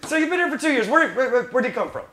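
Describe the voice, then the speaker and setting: A man's voice: very high voice, big pitch swings, rapid-fire, roomy sound, crowd noise. A man hosting a casual radio show chat, stammering and restarting often, with music playing behind him. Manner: stammering, restarts often, laughs between lines.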